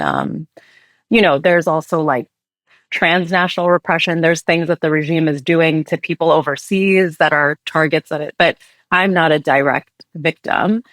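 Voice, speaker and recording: A woman's voice: low voice, fairly bright tone, dry recording. Earnest woman guest, dry close sound. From United States. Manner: earnest, measured, thoughtful with restarts. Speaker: podcast guest, human rights litigator. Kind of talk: conversational interview answer.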